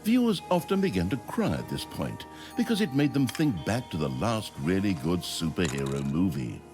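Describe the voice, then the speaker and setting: Wry, pompous low-voiced fantasy narrator. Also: male voice, huge pitch swings, normal speed. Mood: wry, theatrical. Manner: pompous, tongue-in-cheek storyteller. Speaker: narrator of a fantasy strategy game. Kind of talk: scripted narration. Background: game music.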